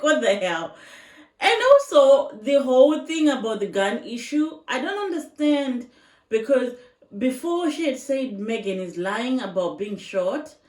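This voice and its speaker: A woman's voice: on the high side, a little mellow, distant mic. Emphatic woman vlogger in a roomy echo. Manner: emphatic, repeats points, asks rhetorical questions. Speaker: vlogger reacting to online videos. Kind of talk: casual opinion commentary. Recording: roomy echo, voice a bit off-mic.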